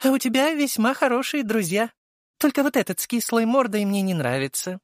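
A man's voice: extremely high pitch, animated, a little fast, dry recording, studio quality, voice pushed up. A man reading an audiobook and voicing a teasing, mischievous young noblewoman who mocks playfully and theatrically.

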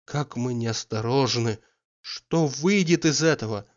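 A man voicing an anxious, excitable nobleman who pleads in a rising, agitated voice. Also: mid-range voice, measured pace, lo-fi sound, natural voice. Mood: worried.

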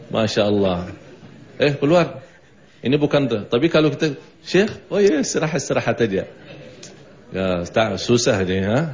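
A man with an Indonesian accent giving a mosque sermon, telling a story, acting out the voices and chanting phrases of remembrance, on a dull lo-fi broadcast recording. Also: mid-range voice. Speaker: preacher.

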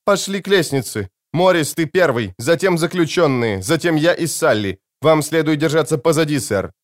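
A man's voice: on the high side, animated, moderate pace, voice pushed up, close to an everyday voice. A man voicing a stern female prison warden who gives clipped orders while barely hiding panic, in a home-made audiobook. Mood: tense, clipped.

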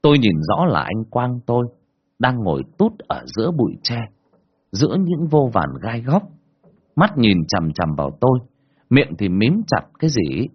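A man narrates a horror story in a dramatic, expressive way, his pitch rising and falling a lot. His voice is husky, and the recording sounds dull and lo-fi. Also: moderate pace.

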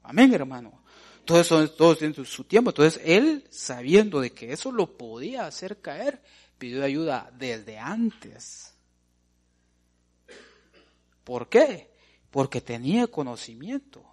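Predicador centroamericano animado. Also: male voice, on the high side, unhurried. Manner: animated preaching, calls listeners brother, swings between loud and hushed. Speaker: pastor. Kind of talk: sermon.

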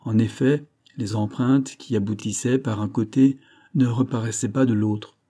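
A man reading a classic adventure novel aloud as an audiobook narrator, in a measured, even literary manner. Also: on the low side, husky.

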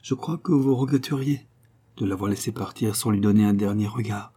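A man's voice: on the low side, fairly quick, warm tone, breathy edge. A man reading aloud and voicing a grieving young wife who pleads tearfully with her husband. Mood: pleading.

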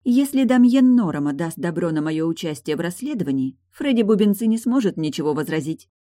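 A woman reading an audiobook, voicing a brash, sharp-tongued retired guardswoman who is mocking, blunt and pushy. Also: lowish voice, big pitch swings, fairly quick, dry recording, clean studio sound. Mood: scheming.

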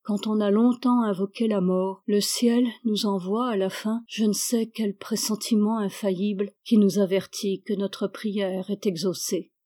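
A woman voicing a grieving, feverish young woman in love, speaking in a slow, tender, pleading way. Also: mid-range voice, steady tone, warm tone, close to an everyday voice.

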